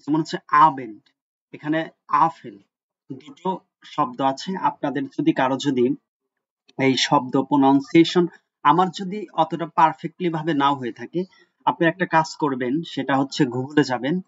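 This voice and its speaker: A man's voice: fairly high pitch, normal speed, a bit bright, no echo. A man teaching German letters in a screen-recorded lesson, patient, repeating each sound several times, with many "ah" fillers. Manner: frequent "ah" fillers. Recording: dull lo-fi recording.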